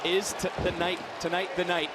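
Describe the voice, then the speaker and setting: High-pitched male wrestling commentator in loud noise. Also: moderate pace. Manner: excitable, punchy play-by-play calling. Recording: noisy live arena broadcast.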